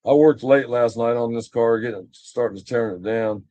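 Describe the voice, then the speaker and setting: A man's voice: mid-range voice, moderate pace, dark tone, no room sound, lo-fi sound. An older man, chatting casually on a livestream and telling rambling stories with chuckles. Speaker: vlogger.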